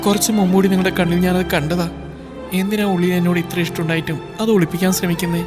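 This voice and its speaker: A man's voice: sits high, flat delivery, fast talker, close to an everyday voice. A man voicing a heartbroken, devoted young wife who speaks in a pleading, emotional way, with background music. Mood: hurt, pleading. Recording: background music clearly audible.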